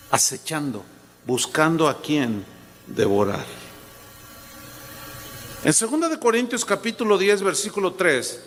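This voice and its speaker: High-voiced pastor preaching in an echoing hall. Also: male voice, fairly bright tone, a little hiss or hum. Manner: emphatic preaching, repeats key words, addresses the congregation directly. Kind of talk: sermon. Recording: long hall reverb.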